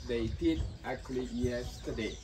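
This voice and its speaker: Outdoors in a pottery village, a local tour guide with an Indonesian accent casually explains pottery making to tourists, joking and apologizing as he goes. His voice is medium-pitched at a moderate pace, captured as distant outdoor camera sound with roosters crowing amid village ambience.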